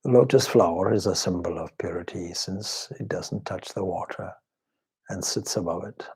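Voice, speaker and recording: Guiding a meditation as a spiritual teacher, this swami has a low, husky, breathy voice with a darkish tone. His delivery is slow, reverent and measured, with pauses separating his short phrases.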